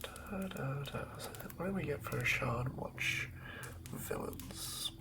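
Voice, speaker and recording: This whispered ASMR clip has a host murmuring close to the mic, working out a tabletop game villain in a fragmented, improvised ramble. The voice sits at medium pitch with vocal fry, swinging widely in pitch and moving slowly.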